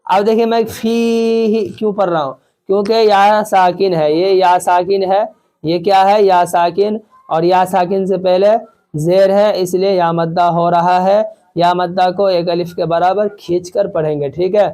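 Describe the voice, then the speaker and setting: A man teaching Quran reading, spelling out syllables slowly and patiently asking and answering his own questions. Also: high-pitched, fairly even intonation, warm tone. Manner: patient, repeats questions and answers them himself. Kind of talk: spelling-out lesson with drawn-out syllables.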